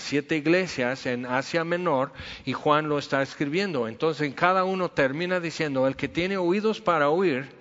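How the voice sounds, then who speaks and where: A man preaching a sermon in a conversational teaching manner. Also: fairly high pitch. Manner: conversational teaching, drops softer for quoted asides. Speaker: pastor. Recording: dull echoey hall.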